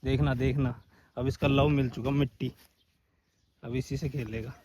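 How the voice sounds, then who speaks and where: A man with a sore, hoarse throat talks his viewers through an outing in open country. His chat is loose and friendly, and he keeps calling them brother. Faint outdoor noise sits behind his voice. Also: mid-range voice, steady tone, normal speed, darkish tone. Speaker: vlogger. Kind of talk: casual outdoor vlog narration. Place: outdoors on sand dunes and a forested hill.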